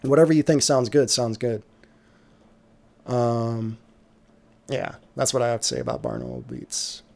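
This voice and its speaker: A man hosting a casual livestream, answering viewer questions about music software in a relaxed way, trailing off with fillers. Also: medium pitch, unhurried, vocal fry, long pauses. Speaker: music producer streamer.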